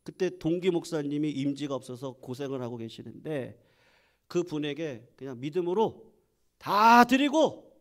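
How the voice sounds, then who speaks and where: A male senior pastor preaching a Sunday sermon, telling stories dramatically and swinging from loud proclamation to hushed near-whispers. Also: on the high side, normal speed.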